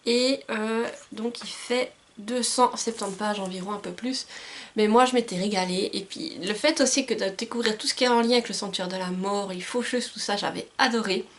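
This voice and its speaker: A woman's voice: mid-range voice, normal speed, slight background noise. A young woman giving casual book recommendations to camera, chatty and hesitant with frequent fillers and self-corrections. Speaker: book vlogger. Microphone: camcorder microphone.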